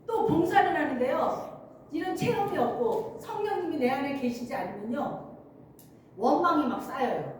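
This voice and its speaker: A woman's voice: high voice, lively intonation, moderate pace. A woman pastor preaching a sermon, earnest and emphatic, often laughing as she speaks. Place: church sanctuary. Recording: very echoey church hall, mic at a distance, faint noise.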